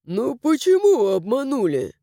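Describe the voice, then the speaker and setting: A woman's voice: fairly high pitch, very animated, measured pace, mellow, no room sound, studio quality. Woman voicing a sheepish evasive dragon man. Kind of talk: audiobook character voicing.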